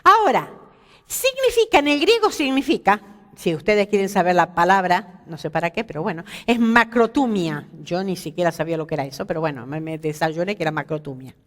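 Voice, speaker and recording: Her voice is fairly low and brisk, with the sound of a big room around it. Teaching a Bible lesson to a women's seminar in a church hall, she keeps things lively by questioning her listeners and poking fun at herself.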